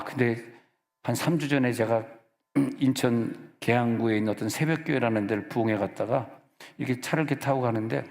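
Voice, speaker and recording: A middle-aged man, a senior pastor, preaching a sermon in a church sanctuary and telling personal stories in a relaxed, conversational way. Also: mid-range voice. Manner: conversational, storytelling with personal anecdotes. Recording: reverberant church hall.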